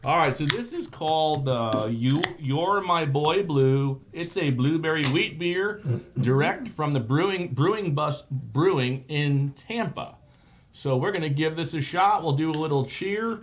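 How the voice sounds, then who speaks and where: A man hosts a relaxed chat show. His pitch swings widely as he jokes and teases, and he often stumbles into restarts mid-sentence. A faint hiss sits under his voice. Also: unhurried. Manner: joking, animated, with frequent restarts. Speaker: host. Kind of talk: casual chat show hosting.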